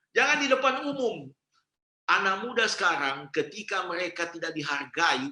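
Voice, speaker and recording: A man giving a seminar talk, telling lively stories and slipping into character voices. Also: on the high side. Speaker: youth seminar speaker, pastor. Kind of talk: seminar talk with acted anecdotes. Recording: roomy echo.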